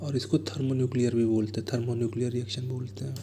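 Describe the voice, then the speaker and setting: Indian man, exam coach, dark mellow tone, monotone and unhurried delivery. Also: medium pitch, a little hiss or hum. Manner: reads questions slowly, then explains in fast asides. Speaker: exam prep teacher. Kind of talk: explaining exam answers.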